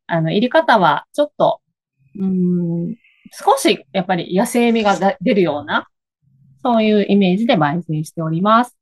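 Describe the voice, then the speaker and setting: A woman from Osaka with an Osaka accent, explaining things casually in a hesitant way with small self-corrections. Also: mid-range voice. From Higashiosaka, Osaka, Japan. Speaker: guest, coffee bean shop owner. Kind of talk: casual interview conversation. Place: at home, on a video call.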